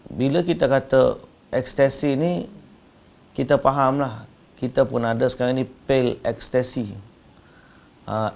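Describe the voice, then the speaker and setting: Man, Malaysian Malay accent, religious lecture, gravelly voice, explanatory. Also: medium pitch, a little mellow. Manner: explanatory, with rhetorical questions to the audience. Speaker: religious teacher.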